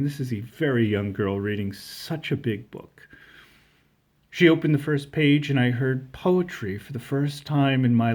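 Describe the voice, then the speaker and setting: A man teaching a reading lesson on poetry, reading lines aloud slowly and with deliberate emphasis. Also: medium pitch.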